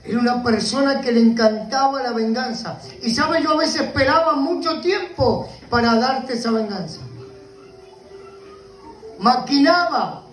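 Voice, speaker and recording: A man's voice: very high-pitched, lively intonation, measured pace, a bit bright, reverberant, soft background music, poor audio. A man with a Rioplatense Spanish accent preaching a sermon with passion, often calling out to his listeners as brother. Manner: impassioned preaching, repeatedly addressing the listener as brother. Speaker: pastor. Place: church.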